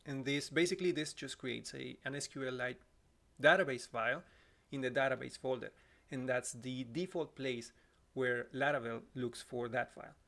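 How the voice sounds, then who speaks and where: This Spanish-accented Costa Rican instructor in his thirties talks at a normal speed in a creaky, fairly bright voice as he livestreams a live coding walkthrough. Apologetic and self-correcting, he types while speaking, throat slightly scratchy, from a small room at home with a boom mic on an arm.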